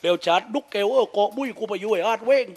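Man, Southern Thai accent, shadow puppet comedy, high pitch, gravelly, crude joking banter. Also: rapid-fire, a little mellow, slight background noise. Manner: crude, joking storytelling with laughs.

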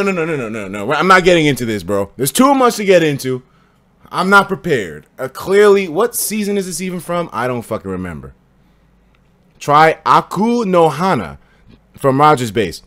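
An American man in his twenties chatting and reacting casually on a livestream, expressive, slangy and profane. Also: on the high side, normal speed. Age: 20s. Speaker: livestreamer reacting to videos and reading chat. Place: indoor streaming room.

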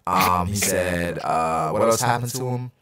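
Deep-voiced man hosting a podcast. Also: a little slow, crowd noise. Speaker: podcast host. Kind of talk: casual podcast chat. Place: small home room by a leather couch.

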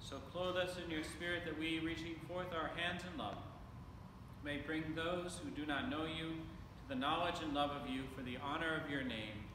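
A man leading a church service, reciting the creed and prayers in a steady, measured way, his voice carrying a cathedral echo. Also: fairly high pitch. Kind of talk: liturgical prayer reading. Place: large reverberant church. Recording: distant mic, long church reverb, steady ambient noise.

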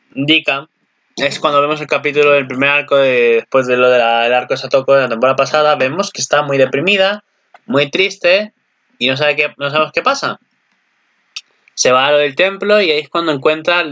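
Young guy rambling about anime, gets all worked up, dull lo-fi mic. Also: a little high. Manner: excitable, rambling, jumps to loud exclamations. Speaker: anime commentator. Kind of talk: casual video commentary.

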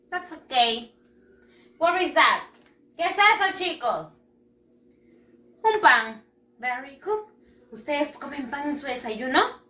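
A woman's voice: high-pitched, sharp tone. A woman teaching English to young children in a bilingual lesson, with a sing-song, encouraging delivery. She asks questions and then answers them herself. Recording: echoey room.

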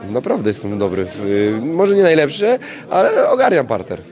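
A man around thirty, a fighter answering reporter questions at an outdoor event, stumbling and restarting his words. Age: 30s. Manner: halting, restarts words, lively pitch. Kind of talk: press interview. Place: outdoor event media wall. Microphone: handheld reporter mic.

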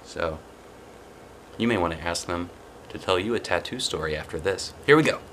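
A man in his forties with a deep, fairly bright voice reads a picture book aloud at normal speed for a storytime. He talks conversationally and asks young listeners questions. He's seated before a plain wall in a small indoor room, with clear background room noise in the recording.

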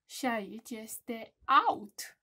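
A woman with a Romanian accent teaching English words to young children in a home-school lesson, repeating each word slowly and clearly. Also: a little high, fairly even intonation. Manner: slow, emphatic word drills with repetition.

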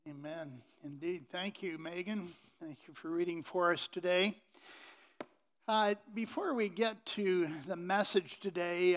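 A middle-aged man preaching from a pulpit in a church sanctuary, unhurried and halting with many fillers. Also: sits high, a bit bright. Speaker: pastor. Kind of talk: sermon.

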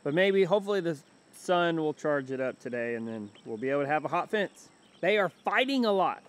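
A man in his thirties with a Texan accent, chatting excitably as he films himself at arm's length outdoors on a rural homestead. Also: fairly high pitch, a little fast. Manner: chatty, excitable, talks to the animals. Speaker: homesteader showing his animals. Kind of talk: casual walk-and-talk vlog. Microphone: handheld camera held at arm's length.

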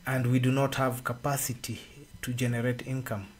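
A man, co-hosting a radio discussion and explaining at an unhurried pace with pauses and fillers, speaking into a studio microphone. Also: medium pitch, little pitch movement. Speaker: radio co-host. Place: radio studio with red walls. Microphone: studio boom mic.

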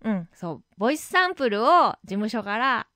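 A woman hosting her own web radio show, talking casually and reflectively, thinking aloud with soft asides. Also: a little high, big pitch swings, moderate pace, no echo, clean studio sound. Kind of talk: casual solo radio talk. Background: background music.

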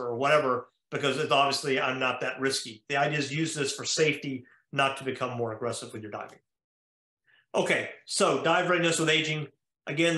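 This man's voice is a little high and somewhat bright, with an American accent. He's a cardiologist giving a methodical slide lecture to a diving conference over a video call, explaining things step by step and saying "uh" a lot. The room he's in sounds echoey.

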